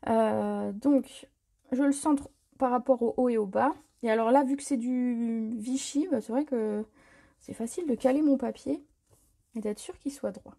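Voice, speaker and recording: A woman demonstrating a paper craft technique in a live tutorial, chatty and relaxed, often correcting herself and laughing at her slips. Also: fairly high pitch, measured pace, gravelly.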